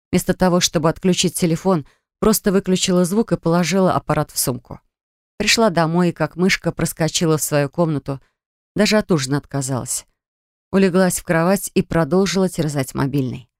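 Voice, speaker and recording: A woman narrating a scripted audiobook in an even, measured storytelling manner. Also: fairly low pitch, no room sound, clean studio sound.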